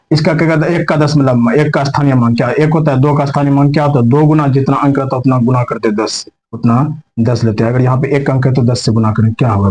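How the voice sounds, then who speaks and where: A mid-range, somewhat mellow male voice comes through a rough recording. He leads a maths class at the board, asking questions he then answers, going over and rewording every step, and blending in English terms.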